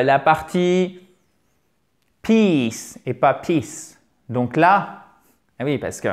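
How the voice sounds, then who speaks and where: A man's voice: fairly high pitch, a little mellow. A man teaching English pronunciation in an online lesson, playfully stretching vowel sounds to demonstrate them and often checking in with his listeners.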